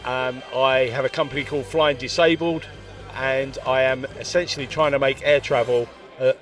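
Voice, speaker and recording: A man's voice: medium pitch, steady tone, moderate pace, recorded from a distance. A man from the United Kingdom introduces himself plainly and directly. He stands a little away from the mic, with faint music behind. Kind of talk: short self-introduction.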